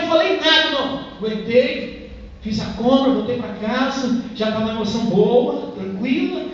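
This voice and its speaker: High-voiced fast Brazilian pastor preaching. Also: male voice, a bit bright, slight background noise. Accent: Brazilian Portuguese. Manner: impassioned, conversational preaching with direct address. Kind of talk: sermon. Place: church hall. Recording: echoey church hall, distant dull mic.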